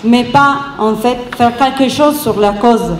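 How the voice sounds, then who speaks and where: A woman with a fairly high voice speaks as an activist at a round table, with a foreign, Italian accent in her French. She hesitates and rebuilds her sentences as she goes. The room echoes, with faint noise behind her. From Italy. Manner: halting non-native French with hesitations and rephrasing. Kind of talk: public speech, improvised. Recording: roomy echo with faint background noise.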